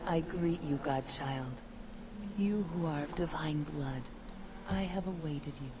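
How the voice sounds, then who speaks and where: A woman's voice: low voice, a little slow, noisy background. A woman voicing an ancient, solemn otherworldly servant of the gods in a fantasy video game, speaking formally and with portentous measure. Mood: solemn, foreboding.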